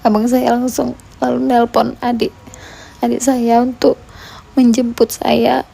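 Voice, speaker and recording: A woman gives a personal account for a news report, her voice high and full of fry. She talks slowly in halting, fragmented phrases with a dark, mellow tone. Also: level tone. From Medan, Indonesia. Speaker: mother filing a police report.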